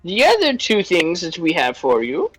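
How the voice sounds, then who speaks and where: A man's voice: sits high, wildly swooping pitch, moderate pace, a bit bright, no echo, faint music behind, heavily acted, low-quality recording. A man voicing a male gnome guard who formally presents magic items.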